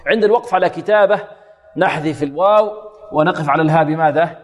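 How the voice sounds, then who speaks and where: A man teaching Quran recitation, quizzing his students with questions and chanting verses slowly to show the rules. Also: fairly high pitch, long reverb tail. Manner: asks the class rhetorical questions and then answers them.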